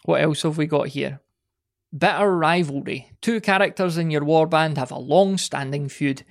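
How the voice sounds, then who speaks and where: A man's voice: on the high side, moderate pace, creaky. A man hosting a solo podcast, talking casually with rambling asides and wry jokes. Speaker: podcast host.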